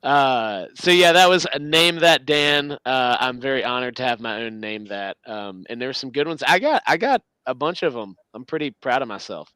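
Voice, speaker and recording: A man's voice: medium pitch, expressive, moderate pace, few pauses, pushed and bright, clear, resonant tone, no room sound. A man in his forties co-hosting a casual livestream, his voice slightly breaking from a cold. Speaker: live show co-host.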